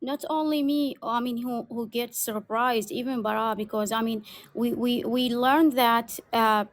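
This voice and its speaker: A woman's voice: on the high side, fairly even intonation, unhurried, no echo, low-quality recording. A woman learning English, reading sentences aloud carefully and politely asking how words are pronounced. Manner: careful, polite, asks about pronunciation. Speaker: English student.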